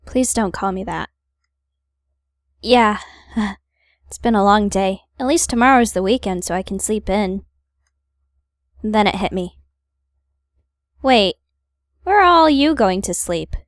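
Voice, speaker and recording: A woman's voice: mid-range voice, expressive, slow pace, long pauses, dry recording. A woman hosting a gaming video, reading visual novel narration aloud with playful, wry casual asides.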